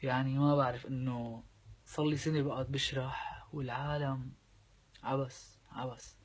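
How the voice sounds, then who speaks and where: A Syrian man with a Syrian Arabic accent, a singer chatting casually to camera and explaining his point with quick sung examples. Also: medium pitch, little pitch movement, husky. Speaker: singer and vlogger.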